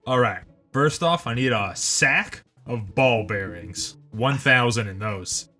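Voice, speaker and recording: Brief: man voicing a cheeky flirt of an adventurer, lively up-and-down voice, bright tone. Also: medium pitch, slow pace, faint music behind, heavily acted. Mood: flirty. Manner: playful, flirtatious banter.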